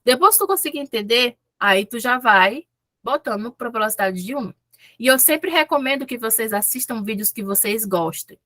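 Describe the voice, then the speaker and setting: A woman's voice: fairly high pitch, lively intonation, moderate pace, sharp tone, no echo. A woman from Brazil teaching English in a casual, chatty lesson, often checking in with her listeners.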